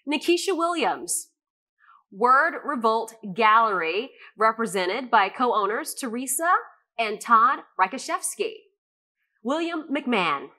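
A woman co-hosting an arts awards show, announcing nominees and reading their bios. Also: on the high side. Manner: bright, announcing.

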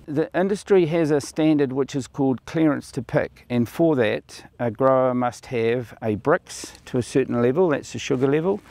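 Older man, New Zealand, orchard owner, gravelly voice, plain explanations, outdoor interview, lapel mic. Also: mid-range voice, normal speed, few pauses, darkish tone, dry recording. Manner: plain, explanatory, with fillers and restarts. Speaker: orchard owner and company founder. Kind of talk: on-camera interview.

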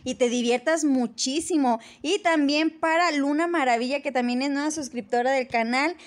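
A Mexican woman hosting a children's gaming video in a bright, sing-song welcoming manner, full of cute diminutives and little tag questions. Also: high-pitched, moderate pace. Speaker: host of a children's gaming channel.

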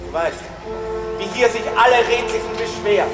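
A woman's voice: a little high, normal speed, reverberant, long reverb tail, music in the background, lightly acted. A woman playing a middle-aged farmer's wife in an amateur reading of a verse play, coaxing and affectionate with joking asides. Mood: urging. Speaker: amateur actor. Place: room at home.

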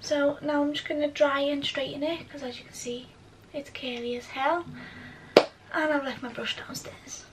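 A woman's voice: high voice, level tone, normal speed, recorded from a distance, background noise. A young woman chatting to camera as she walks viewers through each step of her routine at home. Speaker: beauty vlogger. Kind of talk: casual how-to chat to camera. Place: at home, indoors.

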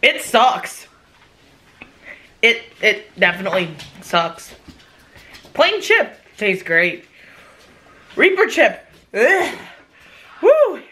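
A woman's voice: mid-range voice, very animated, drawn-out words, pauses often, bright, forceful tone. A middle-aged woman talking casually to camera in a home kitchen while her mouth burns from spicy food, with a runny nose and frequent exclamations. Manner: exclaiming with whews and short pained remarks. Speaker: vlogger doing a hot chip challenge. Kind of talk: casual reaction vlog to camera. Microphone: camera across the table.

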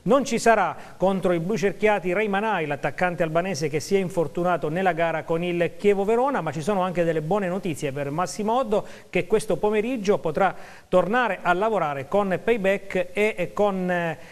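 Man, local TV sports presenter, high-pitched, brisk formal news reading.

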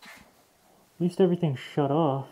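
A man's voice: a little high, steady tone, normal speed, warm tone. A young man exploring an abandoned mansion basement, chatting casually to his viewers as he walks through. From Canada. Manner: chatty, addresses viewers as guys. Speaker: urban explorer host. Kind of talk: casual walkthrough commentary. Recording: echoey empty rooms.

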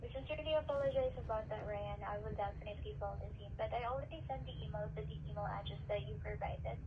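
Lady doing polite scripted customer service voice on a phone call, clear noise over the speakerphone. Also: mid-range voice, racing. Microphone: phone call on speaker, picked up by another phone.

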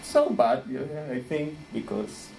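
A man in his thirties from Rica, speaking English, giving a friendly conference talk with frequent small laughs and pauses while he searches for words. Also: medium pitch, wildly swooping pitch, vocal fry, warm tone, a little hiss or hum, rough recording. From Costa Rica.

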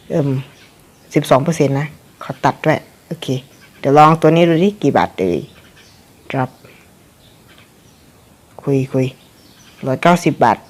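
A young man casually commentating his own gameplay, rambling and cursing at the game with frequent chuckles. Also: on the high side.

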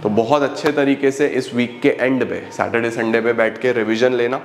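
A man at a middling pitch gives an exam-revision lesson in a roomy, echoing space. He talks in lively, repetitive bursts, asks questions and answers them himself, and slows right down when dictating definitions. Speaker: teacher. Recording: echoey room.

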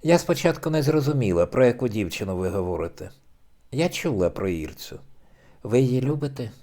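A man's voice: medium pitch, very animated, a little fast, warm tone. A man reading the lines of a forward young woman who teases a shy man with probing questions. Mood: teasing.

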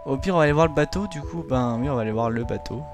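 This young gaming host has a mid-range voice and talks in an animated, rapid-fire way, giggling frequently as he chats with viewers over a casual let's-play. The game's music runs in the background.

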